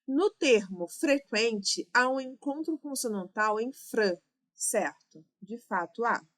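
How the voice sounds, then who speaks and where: Female teacher, Brazilian accent, clear explanatory delivery for exam-prep grammar lessons. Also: fairly high pitch, expressive, slow pace. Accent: Brazilian Portuguese. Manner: explanatory, checks in with "certo?". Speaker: Portuguese teacher.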